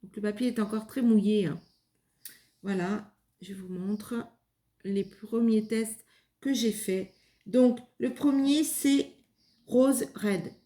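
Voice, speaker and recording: A woman hosting a casual craft demonstration, taking her time with a soft, mellow voice. She talks hesitantly, with lots of fillers and restarts. The sound is roomy and echoey. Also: medium pitch, slow. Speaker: craft video host. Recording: echoey room.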